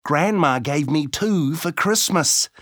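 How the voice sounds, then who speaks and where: A man voicing a cheerful young girl who plays secret agent on a farm, in a bright, playful way. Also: fairly high pitch, expressive, slow pace, no echo, studio quality, pitched above the performer's own voice, exaggerated voice.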